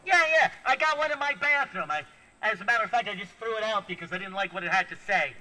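A man's voice: sits high, animated, fast, pushed and bright, full character voice, poor audio. A man voicing a goofy, literal-minded male robot sidekick who jokes with a children's audience at a library show. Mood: puzzled, jokey. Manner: jokey, takes words literally. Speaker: puppet robot co-presenter. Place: library event room before children.

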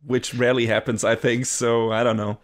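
A man in casual podcast chat, reviewing with bubbly enthusiasm. He rambles and restarts his sentences often, piling up thoughts as he goes. His voice sits at an ordinary middle pitch. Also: flat delivery, fairly quick. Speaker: podcast co-host reviewing anime.

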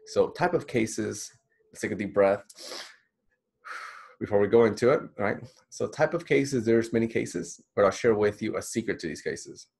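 In a small indoor room, a man in his thirties from the Dominican Republic, a counselor teaching a course, records a relaxed and encouraging lecture packed with fillers. He speaks at a moderate pace in a fairly low, husky, slightly mellow voice with vocal fry.

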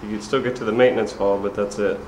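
Alone in a large abandoned prison, a man films on a camcorder from behind the camera, muttering offhand commentary to himself, thinking aloud and swearing often as he explores. His fast voice is fairly low and a little mellow with fairly even intonation, and the echoey concrete interior carries faint ambience along with a little hiss or hum.

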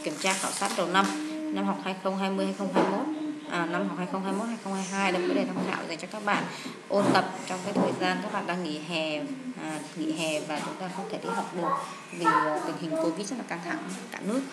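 A woman teaching English to students, walking through an exam in a chatty way, with lots of drawn-out fillers and repeated words. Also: fairly low pitch, fairly even intonation. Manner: addresses students warmly as "các bạn". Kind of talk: exam walkthrough lesson. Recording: echoey room with faint hiss.

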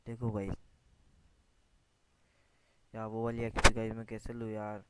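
A man's voice: on the low side, unhurried. A man giving casual commentary over his gameplay, chatty, calling out to his viewers often and muttering at his own mistakes. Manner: chatty, says "guys" constantly, mutters at mistakes. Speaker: gaming YouTuber. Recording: screen recording with steady noise.

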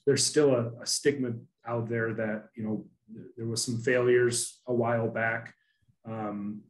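A man's voice: mid-range voice, level tone, measured pace. A man in his thirties speaking earnestly on a video call from an office, with many restarts and fillers. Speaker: panelist from an asphalt producer. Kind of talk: casual webinar discussion. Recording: roomy video call audio.

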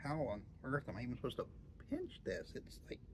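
A man's voice: medium pitch, wildly swooping pitch, brisk, darkish tone, a little hiss or hum. A middle-aged man chatting casually in a vlog, musing and hesitant, with dry jokes. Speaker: tobacco reviewer.

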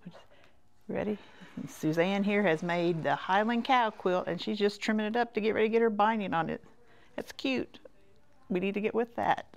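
A gravelly, mid-range female voice at a moderate pace guides a casual tour of a quilt shop while she walks around indoors. She chats in short, folksy bits that trail off as she rambles.

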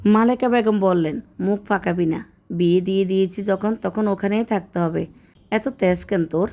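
A woman's voice: medium pitch, moderate pace, warm tone. A woman narrating a serialized family drama story, reading every character's lines herself. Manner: reads all parts, shifting tone for quoted speakers.

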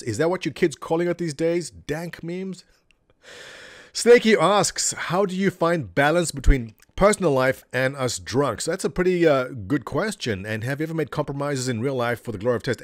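A man in his thirties, a gaming community leader, sits in a gaming chair at his home office desk for a casual webcam Q&A, reading viewer questions aloud and answering in an animated, jokey way. His medium-pitched voice goes into a desk condenser mic in front of him, giving clean studio sound with no echo.

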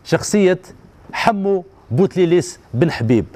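With a warm, high-pitched voice and lively intonation at a moderate pace, a children's TV host in his thirties, Algerian Arabic accent, prompts the kids with questions. He uses a handheld mic on a colorful studio set with a children's audience.

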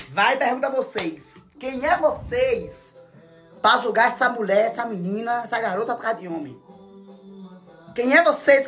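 A man's voice: very high-pitched, fairly bright tone. A man in a casual phone story, talking straight to his viewers in a campy, dramatic, exclamatory way. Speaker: social media influencer.

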